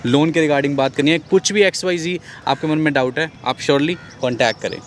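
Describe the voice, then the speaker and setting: A man's voice: fairly high pitch, fairly quick, slight background noise. A man presenting a car sales vlog in a conversational way, repeating key points for viewers.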